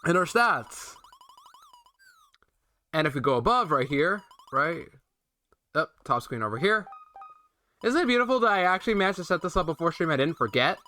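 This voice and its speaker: A man's voice: a little high, expressive, normal speed, pauses often, bright, forceful tone. A young man streaming a video game, rambling playfully and chatting with his viewers. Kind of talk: casual game-stream commentary.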